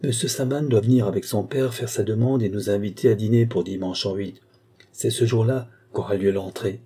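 A man voicing a gentle, teasing young village woman, lifting his voice slightly for her lines. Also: fairly low pitch, fairly even intonation, normal speed, husky.

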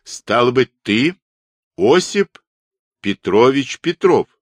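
A man's voice: mid-range voice, big pitch swings, slow, dry recording, voice pushed up. A man reading the part of a Cossack army clerk who marvels at a stranger and questions him for the records. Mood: amazed, questioning. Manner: wondering, questioning.

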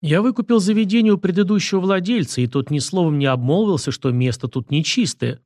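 A man voicing a gloomy, blunt tavern owner who speaks slowly and grumbles, in a dry audiobook reading. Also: high-pitched, a little mellow, no echo, voice pushed up, lightly acted. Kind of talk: audiobook character voice.

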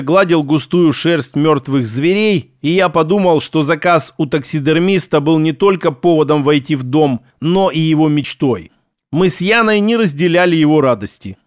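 A man narrating a first-person story as an audiobook in an even storytelling manner. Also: a little high, normal speed, dry recording, clean studio sound.

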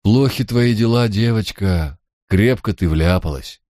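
Man doing a cocky police detective, mocking, coaxing drawl, low voice, dry sound. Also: measured pace, dark tone, no room sound, natural voice. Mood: coaxing mockery.

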